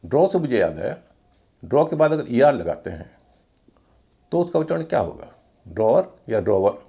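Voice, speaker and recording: A man teaching English pronunciation, slowly spelling out words letter by letter and repeating each one. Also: mid-range voice, very animated, vocal fry, mellow.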